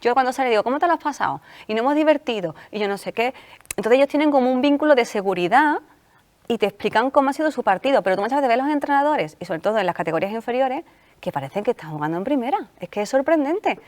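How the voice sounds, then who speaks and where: A woman with an Andalusian Spanish accent talks quickly in a rather high voice. She is a sports psychologist on a talk show and acts out the people she quotes as she tells her stories. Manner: animated storyteller acting out quoted coaches.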